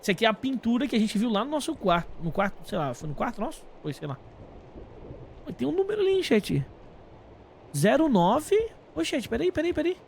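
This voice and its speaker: Brazilian male streamer, high voice, highly varied intonation, slangy off-the-cuff gameplay chatter. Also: very animated, a little fast, gravelly, a little hiss or hum. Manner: informal, slangy, thinking aloud. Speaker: game streamer talking to live chat. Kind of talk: casual gameplay commentary.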